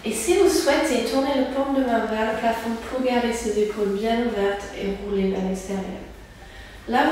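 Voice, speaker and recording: A woman's voice: fairly high pitch, distant mic, a little hiss or hum. Woman cueing Pilates in an echoey studio. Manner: calm step-by-step cueing of breath and movement. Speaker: Pilates instructor. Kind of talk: guided exercise class. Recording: very echoey room, voice from afar.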